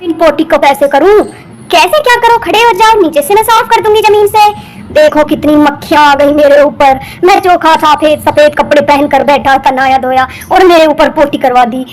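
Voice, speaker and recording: Woman doing grumpy village dad, complaining, high voice. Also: moderate pace, slight background noise, natural voice, rough recording. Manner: complaining, fussy. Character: grumpy young village father, a man.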